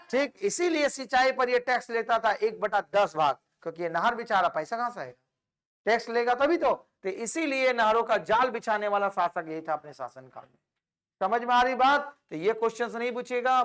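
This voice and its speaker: A man teaches history for exam preparation in a very high, smooth and resonant voice. He keeps repeating key names and firing questions back at his students. English words slip into his all the time. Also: a bit bright. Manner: mixes English words into Hindi. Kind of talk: exam-prep history lecture.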